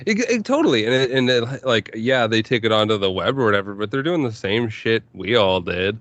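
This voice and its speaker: A man co-hosting a podcast in relaxed casual chat, chiming in with short remarks. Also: fairly low pitch, fairly quick, dry recording. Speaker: podcast co-host. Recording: dull, dry podcast mic.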